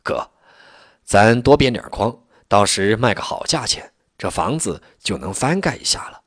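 A man voicing a young communist cadre who reassures poor villagers earnestly, with a husky voice. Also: lowish voice, big pitch swings, unhurried, fairly bright tone, no echo, studio quality, full character voice. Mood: reassuring.

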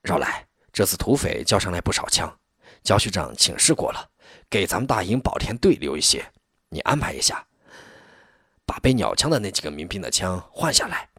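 Man voicing a blunt village chief, quick-tempered, husky low voice, dry. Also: very animated, fairly bright tone, dry recording, heavily acted. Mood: plain. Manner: blunt, indignant. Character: blunt, hot-tempered male village head.

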